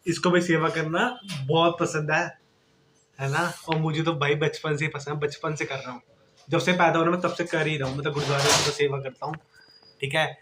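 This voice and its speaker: A young man with a hoarse voice, chatting casually and tiredly to the camera in a daily vlog. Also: a little high, level tone, a little fast, background noise. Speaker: vlogger. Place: outdoors then at home.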